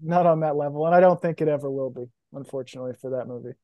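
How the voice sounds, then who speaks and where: A man's voice: on the high side, racing, dark tone, no echo. A young man co-hosting a podcast, chatting casually and with feeling about movies. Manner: emotional, enthusiastic about films. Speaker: podcast co-host. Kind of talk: casual chat.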